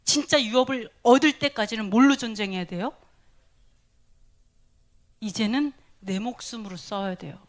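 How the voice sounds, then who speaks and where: Female preacher, high voice, questioning, laughing, sudden whispered asides. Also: normal speed, pauses often. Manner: asks the listeners questions, then drops to a breathy whisper; laughs often between phrases. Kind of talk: sermon.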